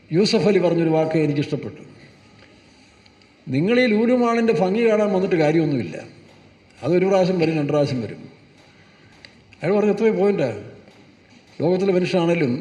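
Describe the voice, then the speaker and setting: A man preaches in a scolding tone, firing rhetorical questions at his congregation. His voice sits high for a man. He is recorded from a distance in a church hall with a long, roomy echo. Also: dark tone. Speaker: pastor. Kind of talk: sermon. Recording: echoey hall, mic far off.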